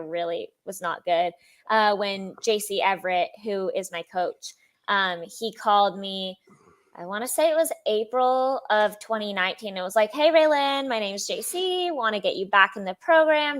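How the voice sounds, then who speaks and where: A young woman, a sponsored athlete appearing as an interview guest, tells her story in a high, slightly bright voice. She's chatty, laughs a lot, and acts out the things people said.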